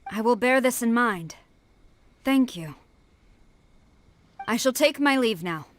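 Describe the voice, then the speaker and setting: A woman's voice: on the high side, expressive, slow pace, no room sound. A woman voicing a stern, honour-bound military commander in a video game, formal, commanding and clipped. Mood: formal, measured.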